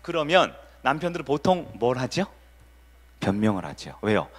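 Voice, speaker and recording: A man's voice: medium pitch, very animated, normal speed, slightly rough. A male pastor preaching a sermon in a conversational style and asking the congregation questions. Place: church sanctuary. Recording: reverberant church hall.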